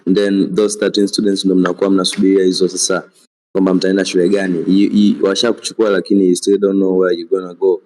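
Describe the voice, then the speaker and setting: A young man with a Tanzanian accent, a student explaining the application stages, halting and repeating himself. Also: low-pitched, level tone, a little mellow, poor audio. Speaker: student sharing experience. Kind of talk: seminar talk.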